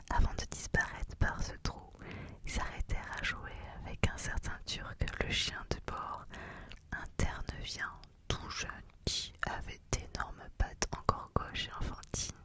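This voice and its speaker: ASMR book reader. Soft library whisper, unvoiced throughout, literary narration. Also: extremely high pitch.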